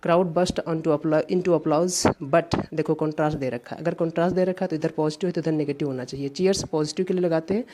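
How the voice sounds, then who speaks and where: An Indian woman with a mellow, low-sitting voice and fairly even intonation covers English grammar exam questions one by one, reading each example sentence slowly and with care.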